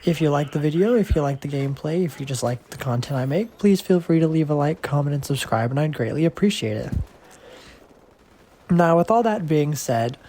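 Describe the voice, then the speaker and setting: A man's voice: mid-range voice, a little mellow, slight background noise. A man hosting a gaming channel, rambling casually over gameplay footage, his voice nasal from allergies. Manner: chatty, rambling, self-deprecating.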